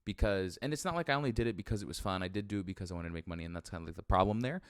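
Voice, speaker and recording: Deep smooth guy just rambling off script, self-deprecating, swears a lot, pretty dry recording. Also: rapid-fire, no room sound. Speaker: first-time solo podcaster or vlogger. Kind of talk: unscripted casual rambling monologue. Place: sparsely furnished room indoors.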